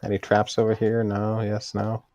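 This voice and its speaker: Gravelly low-voiced man calling raid moves. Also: monotone, moderate pace, darkish tone, no echo. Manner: gives short commands and thinks aloud. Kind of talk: gaming voice chat.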